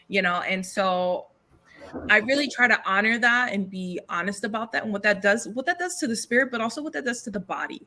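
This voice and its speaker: Woman poet from New York as guest; bright tone, mid pitch, earnest and searching with restarts. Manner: earnest, thinks aloud with restarts and tag questions. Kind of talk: livestream book conversation.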